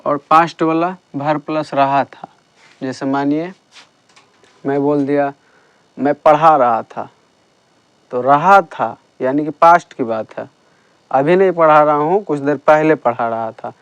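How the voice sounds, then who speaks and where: Slow, smooth-voiced male teacher. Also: fairly high pitch, no room sound. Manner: slow, patient explaining with repeated checks. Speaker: English teacher. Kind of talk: classroom grammar lesson.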